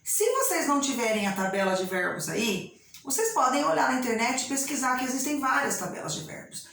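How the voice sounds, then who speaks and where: A woman's voice: sits high, expressive, brisk, creaky, a bit bright. Brazilian lady teacher explaining grammar step by step, keeps checking in w students, really echoey room. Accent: Brazilian Portuguese. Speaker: English teacher. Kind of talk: online class lesson.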